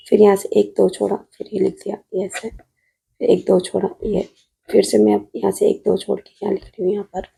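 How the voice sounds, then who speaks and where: A woman's voice: medium pitch, vocal fry, warm tone. A woman math teacher with a Rajasthani Hindi accent, patiently solving an exam paper on video while writing at a desk and calling her students "beta".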